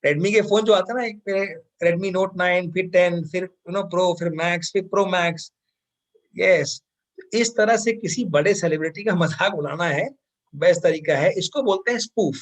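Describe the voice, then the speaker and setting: A man's voice: high-pitched, moderate pace. A man with an Indian accent teaching vocabulary in an online class, switching between Hindi and English and repeating words.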